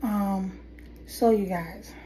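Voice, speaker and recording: A middle-aged woman vlogs a casual hair tutorial at her kitchen table while suffering a head cold, coughing and rambling with frequent restarts. She draws out her words in a dark, medium-pitched voice with fairly even intonation. Recorded on a phone camera on the table, the audio is poor, with a little hiss or hum.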